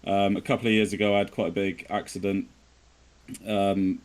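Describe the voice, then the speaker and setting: A man with a rural West Country English accent speaks in a low, fairly even voice. He chats informally and self-deprecatingly, feeling his way through his sentences. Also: moderate pace. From southwest of England. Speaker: podcast guest. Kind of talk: casual chat.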